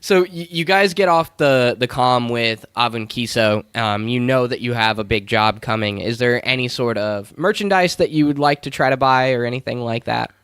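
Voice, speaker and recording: Game master, male, smooth and resonant, scene-setting with lots of fillers. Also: medium pitch, moderate pace, few pauses, fairly bright tone, no echo. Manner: descriptive with many fillers. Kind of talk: narrating a tabletop game.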